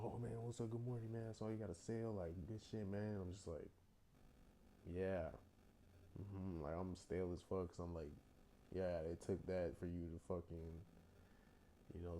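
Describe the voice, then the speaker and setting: A man's voice: sits low, mellow, a little hiss or hum. A young man telling a story from his own past in a casual vlog, talking in a blunt, profane, slangy and rambling way. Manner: loose and rambling with many restarts. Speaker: vlogger.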